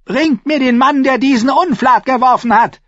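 A man's voice: moderate pace, a bit bright, no echo, muffled recording. Joffrey, a man doing a shrieking boy king. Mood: commanding. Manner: shrill, screaming commands. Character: spoiled cruel teenage boy king, shrieking.

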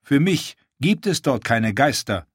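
A man's voice: medium pitch, sing-song, a little slow, breathy edge, no echo, clean studio sound, pitched above the performer's own voice. A man voicing a bold, proud wildling woman from the free folk, speaking firmly and with self-assurance.

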